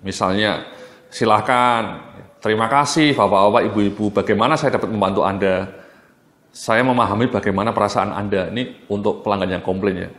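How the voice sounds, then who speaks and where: A man's voice: fairly low pitch, brisk, a bit bright, echoey room. A man giving a customer service training lecture, talking straight to his listeners, stressing points and repeating words for emphasis.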